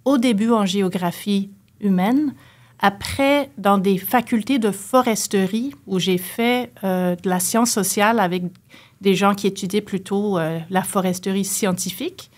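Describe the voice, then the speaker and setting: A Canadian woman professor speaks as a guest in an academic interview. She talks thoughtfully and hesitantly, with frequent pauses and fillers. Her voice sits at a middle pitch.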